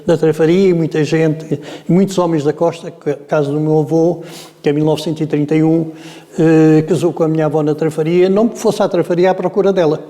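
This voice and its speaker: A man's voice: on the high side, steady tone, brisk, dark tone, big-room sound. A man in his seventies with a Lisbon-area Portuguese accent, telling family history in a meandering, hesitant way full of filler sounds. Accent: European Portuguese, Lisbon area. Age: 70s. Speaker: interviewee. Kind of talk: oral history storytelling.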